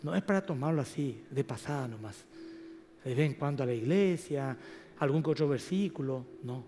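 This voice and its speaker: A man preaching a sermon as pastor, passionate and swinging between loud emphatic peaks and hushed asides. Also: mid-range voice, lively intonation, normal speed, big-room sound, a little hiss or hum. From Paraguay.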